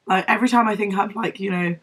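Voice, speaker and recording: A woman's voice: mid-range voice, fairly even intonation, fast, husky. A young woman with a southern English accent chats casually to camera in a wheezy, strained voice, unwell and rambling in a self-deprecating way. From Devon, England. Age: young adult. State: unwell, losing voice. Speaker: book vlogger. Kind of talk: casual chatty vlog to camera.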